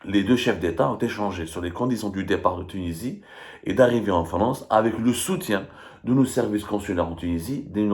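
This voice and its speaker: A man with an Algerian accent delivers live political commentary, reading and dissecting statements in an emphatic, argumentative, repetitive way. His voice is fairly low-pitched and darkish in tone.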